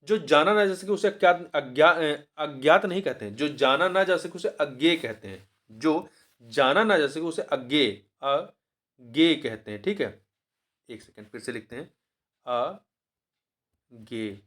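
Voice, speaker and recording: Man slowly repeating answers as a teacher. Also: fairly high pitch, lively intonation, fairly bright tone. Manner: explains each answer, then repeats key words slowly; pauses to correct himself mid-word. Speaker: exam prep teacher. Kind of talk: walking through a Hindi test paper.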